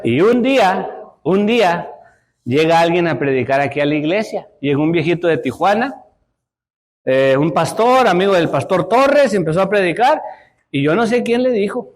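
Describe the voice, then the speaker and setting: A middle-aged man with a notably high voice teaches a church Sunday school class. He tells personal stories and calls out to the congregation in a lively, animated way. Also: moderate pace. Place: church hall.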